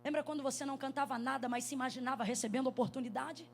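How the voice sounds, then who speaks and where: A Brazilian woman preaching a sermon at a church conference, telling stories with a lively, animated delivery that rises into shouts. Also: sits high, very fast, slight background noise. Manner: animated storytelling, rising to shouts.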